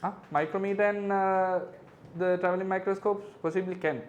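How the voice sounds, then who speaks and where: A man's voice: sits high, fairly even intonation, fairly quick, highs cut off, a little hiss or hum. A male physics tutor reviewing exam questions, working through figures step by step and checking understanding with tag questions.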